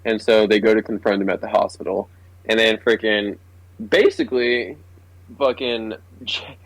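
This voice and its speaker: Young male podcast co-host, animated retelling, dry booth sound. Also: fairly low pitch, moderate pace, dry recording, poor audio. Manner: excitable, swears a lot, laughs while retelling scenes. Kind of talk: casual chat.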